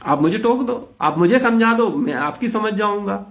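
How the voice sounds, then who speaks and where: A man's voice: high-pitched, lively intonation, normal speed, creaky, fairly bright tone. A man leading an interactive spiritual discourse, blunt and rhetorical, questioning his listeners. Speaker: spiritual teacher leading a class.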